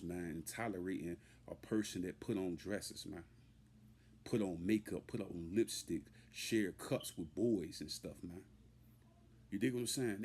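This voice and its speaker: In an off-the-cuff rant, a hip-hop commentator airs his opinion with emphatic indignation, repeating himself and dropping street slang. His voice is deep, dark in tone and husky.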